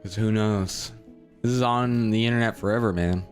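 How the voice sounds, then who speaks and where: A man with a lowish voice, chatting on a podcast in a laid-back way full of surfer slang and quick jokes. Faint music sits behind him. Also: steady tone. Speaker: podcast co-host. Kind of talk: casual chat.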